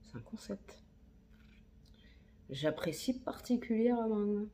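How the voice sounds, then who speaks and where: Chatty woman with a gravelly voice. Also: medium pitch, expressive, slow pace, mellow. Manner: chatty, slangy, talks to herself. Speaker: beauty vlogger. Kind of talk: casual makeup tutorial chat. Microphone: phone camera.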